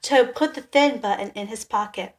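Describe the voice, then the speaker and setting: A woman reading a picture book aloud to children, adding gentle sympathetic asides. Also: fairly high pitch, normal speed. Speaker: children's story reader.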